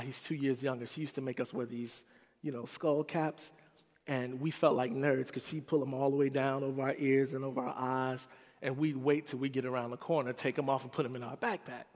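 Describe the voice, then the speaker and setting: A man's voice: medium pitch, little pitch movement, brisk. A man from Chicago telling a humorous, confessional story in a chapel sermon. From Chicago, United States. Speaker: chapel speaker. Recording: long hall reverb.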